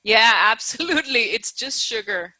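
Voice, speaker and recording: Bright, higher-voiced woman teaching online. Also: lively intonation, moderate pace, dry recording, poor audio. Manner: explanatory and emphatic, repeats key points, often checks understanding. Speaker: Ayurveda teacher giving an online lecture. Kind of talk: informal live online lecture with check-in questions.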